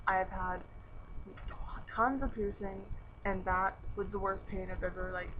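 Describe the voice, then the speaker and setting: A young woman talks through a dental retainer in a casual, candid vlog style, with little rise and fall in her voice. The recording is narrow and lo-fi, with clear background noise. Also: medium pitch, fairly even intonation, normal speed. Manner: slightly impeded speech from wearing a dental retainer. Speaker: vlogger. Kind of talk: casual chat to camera. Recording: noisy, dull narrow-band home recording.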